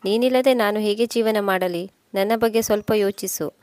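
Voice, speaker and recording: A woman's voice: mid-range voice, normal speed, darkish tone, no room sound, natural voice. A woman voicing a lonely, aging widowed mother who pleads with her son in tearful appeals. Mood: pleading.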